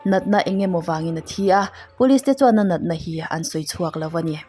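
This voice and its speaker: A woman's voice: on the low side, animated, brisk, warm tone, slightly rough. A woman narrator telling a true-crime story in a storytelling style. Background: faint music.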